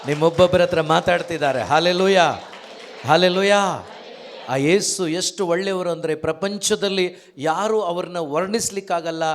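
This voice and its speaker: A man's voice: sits high, normal speed. A man preaching an emphatic sermon, firing off rhetorical questions and calling out hallelujahs.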